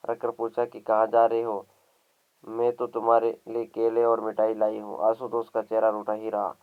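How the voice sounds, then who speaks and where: A man's voice: mid-range voice, vocal fry, narrow, tinny audio. A man teaching a literature lesson by reading a story aloud and lightly voicing its dialogue. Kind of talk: story reading for exam students.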